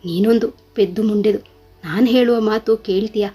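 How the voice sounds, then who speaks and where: A woman voicing a stern, sharp-tongued elderly woman employer who scolds and curses bluntly. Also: medium pitch, fairly even intonation, normal speed, breathy edge, faint music behind, lightly acted. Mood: scolding.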